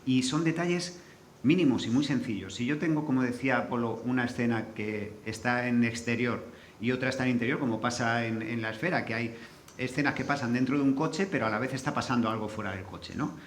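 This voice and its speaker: Speaking fairly quickly in a mid-range voice, a sound designer from Spain with a Castilian accent shares anecdotes on a panel. His talk is informal, colloquial and loose with swearing, recorded in an echoey indoor forum venue with faint background noise.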